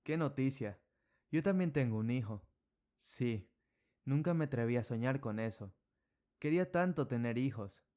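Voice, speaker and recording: A man's voice: mid-range voice, expressive, normal speed, long pauses, warm tone, lightly acted. A man voicing a tender, emotional father returning home after years away, in a storybook.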